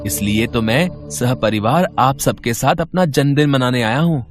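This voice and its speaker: A man's voice: medium pitch, normal speed, close to an everyday voice. A man voicing the young god Ganesha as an eager, cheerful boy in a storybook tale. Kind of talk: storybook voice acting. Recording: music playing behind.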